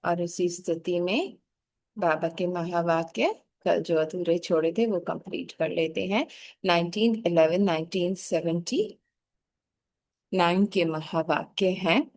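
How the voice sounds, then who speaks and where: Brief: middle-aged woman, spiritual teacher, slow unhurried delivery, slightly low voice, gentle meditative reading. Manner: gentle, slow, often adds a questioning "hmm?".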